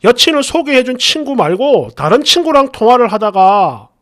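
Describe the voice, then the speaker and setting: Male storyteller, very high pitch, casual chatty first-person story narration. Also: very animated, moderate pace, fairly bright tone. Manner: casual, chatty retelling with conversational fillers. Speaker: storyteller reading a viewer's submitted story.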